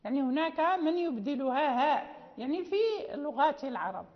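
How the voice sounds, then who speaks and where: A woman teaching a Quran recitation lesson, explaining step by step, checking in with students and reciting examples slowly. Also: high voice, animated. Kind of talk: classroom lesson on letter articulation. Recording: echoey hall, dull lo-fi sound.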